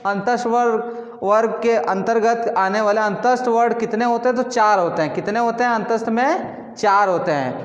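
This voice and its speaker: A man teaching a Hindi grammar lesson, slowly repeating points and quizzing his listeners with questions he answers himself. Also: sits high. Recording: echoey room, dull lo-fi sound.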